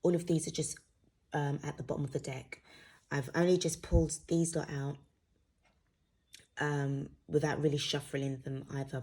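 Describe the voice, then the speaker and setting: Sleepy, low, husky woman doing a reading. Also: dark tone. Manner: sleepy, drowsy. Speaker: host, intuitive card reader. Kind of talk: informal spiritual card reading to viewers.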